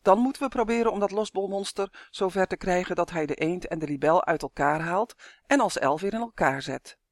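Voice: medium pitch, a little fast, no echo, clean studio sound, lightly acted. A reader voicing a firm, sensible woman who explains plainly and scolds. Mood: matter-of-fact.

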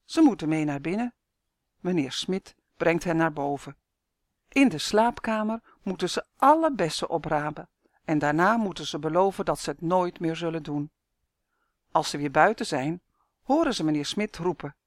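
A woman author reading her own children's story aloud in a clear, expressive storytelling manner. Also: low-pitched, moderate pace, no echo, studio quality.

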